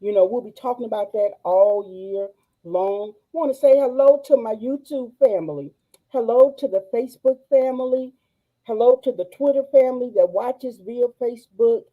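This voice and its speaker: A woman, hosting a faith-based live show and giving excited, gushing shout-outs to viewers. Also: a little high, moderate pace, narrow, tinny audio. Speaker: host. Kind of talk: excited live-stream chat.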